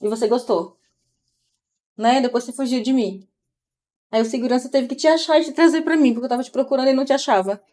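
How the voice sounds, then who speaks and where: A woman's voice: sits high, fast talker, pauses often, dark tone. Chatty Brazilian mother on a live stream. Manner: chatty, explains while talking to her child. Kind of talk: casual live-stream talk.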